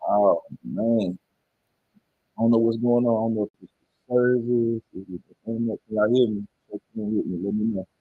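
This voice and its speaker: A deep-voiced man chats loosely with his viewers on a livestream. His voice is husky, and the dull audio makes him sound muffled, as if through a wall. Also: fairly even intonation, normal speed. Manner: laid-back, rambling, talks straight to his viewers. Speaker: livestream host. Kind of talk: casual livestream chat.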